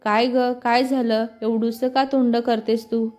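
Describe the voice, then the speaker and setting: A woman's voice: fairly high pitch, little pitch movement, unhurried, darkish tone, close to an everyday voice. A woman voicing a friendly young female coworker who reassures her colleague.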